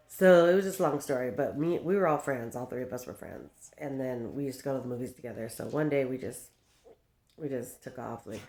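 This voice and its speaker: A chatty vlogger in her fifties, she speaks in a darkish bass voice as she rambles to camera. Stories blend into one another, laughter comes often, and she slips into baby talk for her dog.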